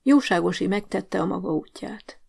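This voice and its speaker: A woman narrating a short story for an audiobook in a measured, even storytelling manner. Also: mid-range voice, vocal fry, husky. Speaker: audiobook reader. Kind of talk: scripted narration.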